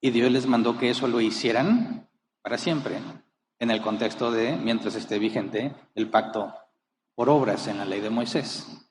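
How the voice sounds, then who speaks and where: A man's voice: mid-range voice, a little slow, in a large hall, a little hiss or hum. A man preaching a sermon as a pastor, emphatic, rising and falling, asking rhetorical questions. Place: church.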